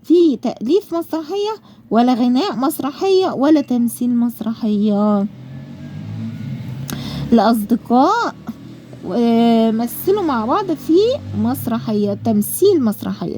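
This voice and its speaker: A woman's voice: a little high, expressive, normal speed, dark tone, slight background noise. A woman with an Egyptian accent teaching a school lesson, asking and answering her own questions and drawing out example words.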